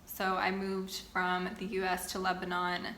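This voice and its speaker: A woman's voice: fairly low pitch, completely flat delivery, unhurried, pushed and bright. A woman in her twenties from the Boston area, chatting casually as she reads out questions and answers them at length for her vlog. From Boston area, United States. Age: 20s. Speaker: vlogger. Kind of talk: sit-down get-to-know-me chat. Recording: echoey room with faint ambient noise.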